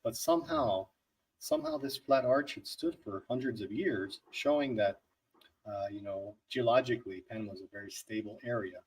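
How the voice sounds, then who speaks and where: A man's voice: lowish voice, moderate pace, husky. A man co-hosting a casual livestream podcast, telling history in a rambling, joking way. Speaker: podcast co-host.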